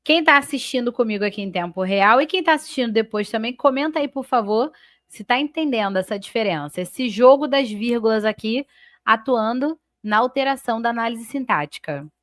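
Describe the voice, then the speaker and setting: Brazilian woman teaching grammar live, highish voice, dry sound, keeps checking in with viewers. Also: lively intonation, fairly quick, fairly bright tone, dry recording. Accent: Brazilian Portuguese. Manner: explains step by step with frequent checks like "né?" and "tá?"; stretches and stresses key words while labeling sentence parts. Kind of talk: live online class.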